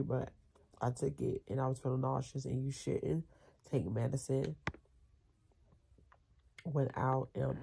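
Propped up in bed indoors, a thirtyish American woman who vlogs talks to her camera in a relaxed way, still healing from nose surgery and suffering a headache. Her congested, nasal voice rumbles low and sounds mellow, though her speech comes out weary and hesitant. It's a home recording from a nearby camera or phone, with clear background noise.

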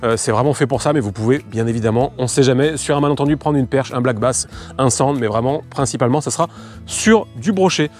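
A young man explains fishing lures outdoors in a quick, easygoing stream of talk. His pitch sits in a middle range, with plenty of fillers and restarts. Faint music plays beneath his voice. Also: darkish tone. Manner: fast, loose explanations with many fillers. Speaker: fishing lure presenter. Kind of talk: casual product demo. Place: outdoors by the water.

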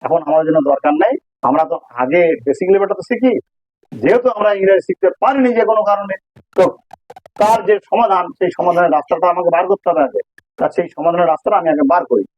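In an informal grammar lesson, a man with a Bengali accent explains things step by step, repeating phrases to drive them home. His high voice is animated and he talks fast. The audio has no echo but the highs are cut off.

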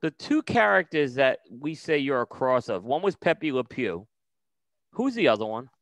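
A man's voice: mid-range voice, big pitch swings, fairly bright tone, no echo, poor audio. A middle-aged man hosting an interview, talking with enthusiasm and lots of fillers into a headset mic in a small studio. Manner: enthusiastic, halting, many fillers. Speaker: show host. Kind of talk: casual interview. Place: studio with logo backdrop.

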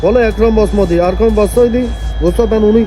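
A man's voice: high voice, quick pace, over loud music. A man chatting casually with friends over a headset while gaming, joking and teasing. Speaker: streamer.

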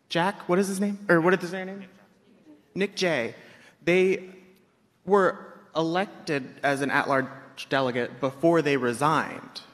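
A man's voice: on the high side, fairly bright tone. A man speaking as a convention delegate from the floor, hesitant with questions, pointed in debate. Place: large convention hall. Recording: echoey large hall.

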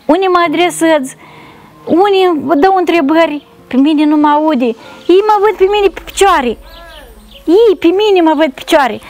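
A woman with a very high voice tells her family's story for a charity. She speaks in a pleading, repetitive way and comes back to the same phrases again and again. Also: a little mellow. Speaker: mother seeking charity help. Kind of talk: emotional testimony.

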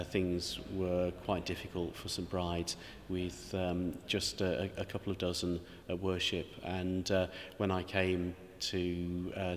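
A middle-aged man, a vicar, speaking hesitantly with many ums in an interview inside a church. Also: low voice. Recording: reverberant church with faint noise.

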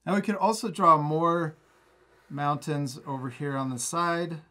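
In an art studio, a man in his thirties walks children through a drawing lesson step by step, explaining slowly in an upbeat, encouraging way. His voice is a little high, pushed, and bright.

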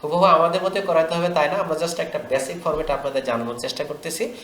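A man teaching Quran reading, slowly drilling syllables and repeating them, with English words mixed in. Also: a little high, fairly even intonation, fairly bright tone, echoey room. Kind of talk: step-by-step recitation lesson.

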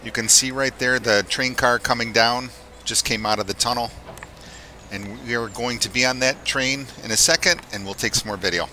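A man's voice: mid-range voice, steady tone, moderate pace, sharp tone. A middle-aged man chatting enthusiastically as he shows viewers around on a travel vlog, recorded on a camera mic outdoors. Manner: enthusiastic, chatty tour guiding. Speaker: travel vlogger. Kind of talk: casual travel vlog narration. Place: outdoors by a canal and on a mountain train. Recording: outdoor crowd and vehicle noise. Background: crowd chatter, train and street noise.

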